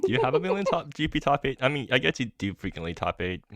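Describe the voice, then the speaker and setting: A man hosting a casual stream chat who talks quickly and eagerly. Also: medium pitch, very animated, no room sound. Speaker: stream host. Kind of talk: casual chat about a card game.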